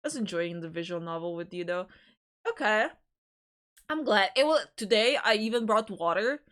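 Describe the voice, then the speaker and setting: A woman with a lowish, fairly bright voice hosts a livestream, chatting casually with viewers. She's giggly and rambling, often restarting her sentences.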